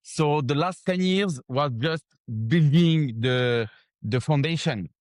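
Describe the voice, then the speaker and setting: A man's voice: on the high side, slow pace, a little mellow, no room sound. A man with a French accent answering interview questions in broken English, searching for words and slipping on grammar. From France. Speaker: founder of a gym franchise, interview guest.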